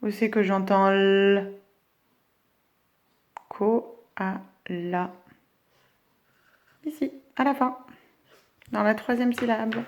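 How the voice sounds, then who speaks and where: A woman teacher giving a phonics lesson to young children, stretching each word slowly as she says it. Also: fairly high pitch. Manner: slow, drawn-out words for children.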